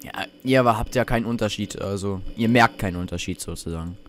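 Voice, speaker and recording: A man's voice: fairly low pitch, quick pace, a little hiss or hum. A young man commenting on a horror video game as he plays, talking to himself, swearing and getting jumpy. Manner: jumpy, swears, talks to himself under his breath. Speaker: let's play host.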